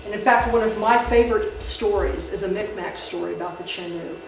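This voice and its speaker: A woman's voice: medium pitch, a little fast. A woman giving a public talk on folklore in a library room, speaking conversationally with many restarts. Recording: echoey room, distant mic, background noise.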